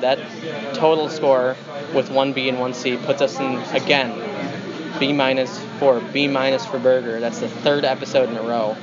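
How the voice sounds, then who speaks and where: A young man hosting a casual food review vlog in a restaurant, joking in a dry, brisk way. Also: mid-range voice, little pitch movement, a loud crowd. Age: young adult. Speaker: host. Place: indoor restaurant with wooden wall. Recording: dull lo-fi sound with loud background music.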